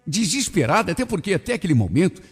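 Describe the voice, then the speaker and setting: A man's voice: sits high, very animated, fast talker, husky, faint music behind. A man hosting a radio show, reading a listener's story in the first person with emotional, indignant delivery. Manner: emotional, swinging between indignation and pity.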